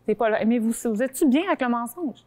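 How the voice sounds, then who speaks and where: A woman with a Québécois French accent explaining things conversationally to her co-hosts, animated and informal, often cutting herself off. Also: fairly high pitch, fast. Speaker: talk show columnist.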